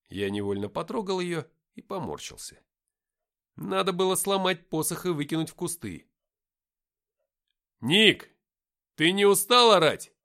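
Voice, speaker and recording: A man reading a first-person adventure audiobook, with lively, dry-humored storytelling. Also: on the high side, creaky. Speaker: audiobook narrator.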